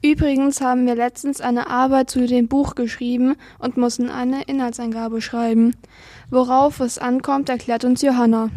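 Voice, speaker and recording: A woman introduces the next speakers in a scripted school presentation. Her voice is high, flat and mellow, and the recording is dry and close. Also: normal speed, no echo. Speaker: student presenter.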